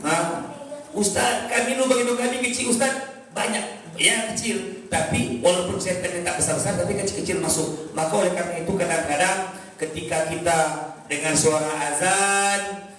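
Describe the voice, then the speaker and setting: A man's voice: high voice, fairly even intonation, a little fast. A man preaching to a congregation, asking questions and answering them himself. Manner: addresses the congregation directly, asks and answers his own questions. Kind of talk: religious lecture. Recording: echoey hall, distant mic, faint noise.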